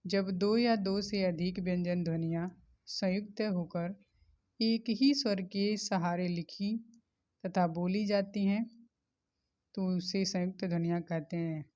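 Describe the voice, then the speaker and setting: A woman's voice: lowish voice, mellow. A woman teacher giving a methodical revision lesson on grammar, spelling out letters and examples one by one. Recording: dull lo-fi recording.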